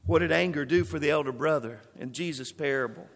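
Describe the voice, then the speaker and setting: A man's voice: on the high side, fairly quick, big-room sound. A man preaching a sermon. He reads scripture passages aloud and then explains them.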